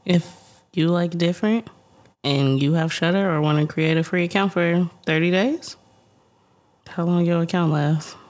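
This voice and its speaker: A woman's voice: lowish voice, fairly even intonation, normal speed, a little mellow. A young adult woman co-hosting a podcast in casual, teasing chat, laughing often. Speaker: podcast co-host.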